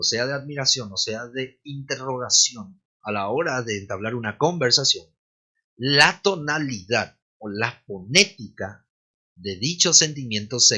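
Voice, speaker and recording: Man, bright voice, patient teacher, slow repeated examples. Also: mid-range voice, husky. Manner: explains patiently, repeats example phrases slowly. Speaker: English teacher. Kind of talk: online lesson explanation.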